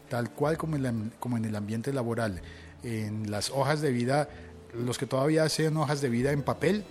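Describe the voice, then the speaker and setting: A man's voice: mid-range voice, darkish tone. A man hosting a casual podcast, joking and reading listener comments aloud. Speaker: podcast host.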